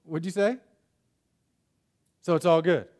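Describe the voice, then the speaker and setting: Guy running a workshop, kinda high voice, jokey storytelling with the crowd. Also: takes it slowly. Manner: animated storytelling, jokes with the audience. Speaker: workshop speaker. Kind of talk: conference breakout presentation. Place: conference room.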